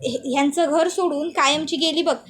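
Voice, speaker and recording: A woman's voice: sits high, steady tone, moderate pace, natural voice. A spiteful gossiping aunt, as a woman narrator puts her on. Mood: gleeful gossip. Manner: mocking, relishing the gossip.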